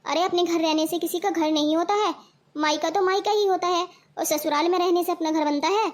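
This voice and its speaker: A woman voicing a calm, sensible young daughter-in-law in a cartoon. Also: extremely high pitch, brisk. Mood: persuading. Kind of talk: cartoon voice acting.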